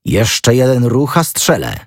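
A man's voice: medium pitch, sing-song, takes it slowly, no room sound, studio quality, pitched above the performer's own voice. A man voicing a stern older male count who speaks in curt commands in a storybook reading. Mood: threatening.

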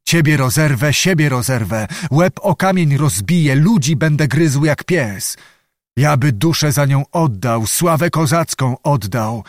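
A man's voice: medium pitch, lively intonation, measured pace, no room sound, studio quality, natural voice. A man voicing a tormented Cossack warrior. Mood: raging. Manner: tormented, raging outbursts. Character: brooding young male Cossack chieftain, passionate and violent. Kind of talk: audiobook character voice.

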